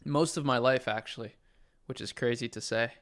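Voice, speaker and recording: A man's voice: mid-range voice, normal speed. A young adult man from Chile, casually chatting as a livestream host and answering viewers' questions. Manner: relaxed, conversational, answers chat questions.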